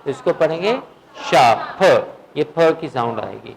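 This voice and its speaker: This is a poor-quality recording of a man teaching English in a classroom. His mid-range voice is animated, creaky and a little mellow as he drills words, answers his own questions and slowly dictates English sentences.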